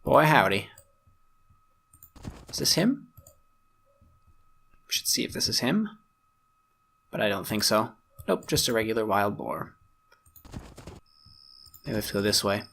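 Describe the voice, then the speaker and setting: Guy chatting through a strategy game playthrough, gravelly voice, talking to himself, self-mocking. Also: fairly low pitch, very animated, measured pace, pauses often, fairly bright tone, a little hiss or hum. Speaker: gaming YouTuber. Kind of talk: casual let's-play commentary.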